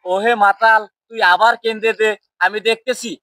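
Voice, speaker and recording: A man with a rural Bangladeshi accent playing a foolish, pompous water spirit in a village comedy skit, mock-solemn and quick to bicker. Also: sits high, fairly even intonation, pushed and bright, dry recording. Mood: solemn, benevolent.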